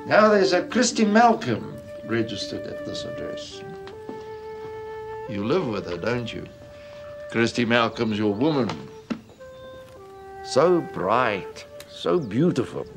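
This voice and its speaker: A man's voice: mid-range voice, big pitch swings, takes it slowly, pauses often, over music. An actor playing a smug, menacing male police interrogator who speaks in a coolly bureaucratic, mocking way. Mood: menacing mockery.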